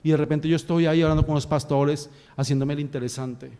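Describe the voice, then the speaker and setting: A man, a pastor giving a sermon as an animated storyteller who acts out scenes. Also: on the high side, fast, clear, resonant tone.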